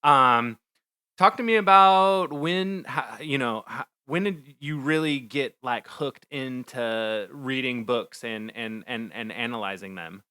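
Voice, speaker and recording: A man's voice: medium pitch, takes it slowly, bright, forceful tone, smooth. A man hosting a podcast who asks questions in a casual, easily amused way. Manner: laughs easily, friendly questioner. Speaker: podcast host. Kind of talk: casual interview chat.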